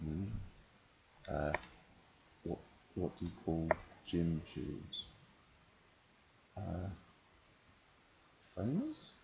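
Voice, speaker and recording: A man from northern England with a London-softened English accent and slight northern touches, answering a casual questionnaire in a hesitant, dry, deadpan way. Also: deep voice, drawn-out words, vocal fry, pauses often. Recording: dull, noisy home recording.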